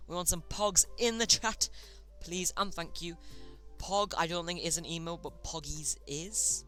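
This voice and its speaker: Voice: medium pitch, steady tone, a little slow, pushed and bright, faint music behind. A streamer casually hosting a chat game live, chatty and often tripping over words.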